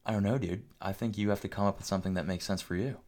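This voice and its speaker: Low-voiced young man bantering casually. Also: fairly even intonation, very fast, darkish tone. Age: young adult. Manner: slangy, crude humour, says dude and like constantly.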